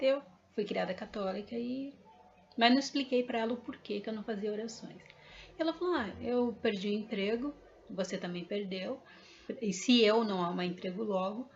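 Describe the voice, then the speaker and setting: A woman's voice: mid-range voice, a little mellow. Woman telling a spiritual story, lo-fi. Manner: earnest, repetitive storytelling that acts out dialogue. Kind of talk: personal testimony.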